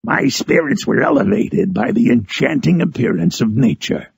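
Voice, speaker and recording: A man voicing Frankenstein's monster, a lonely, eloquent man-made creature, in a solemn, harsh storybook narration with drawn-out phrasing. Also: medium pitch, big pitch swings, darkish tone, dry recording, full character voice. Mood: elated, solemn. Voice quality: harsh, gravelly, raspy. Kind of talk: dramatic audiobook narration in character.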